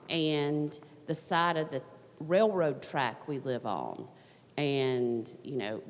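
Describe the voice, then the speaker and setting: Southern woman presenter, chatty and casual, low-pitched, faint room noise. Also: big-room sound. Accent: Southern American. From Southern United States. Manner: chatty, frequent "you know" fillers. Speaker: workshop presenter. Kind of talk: workshop presentation.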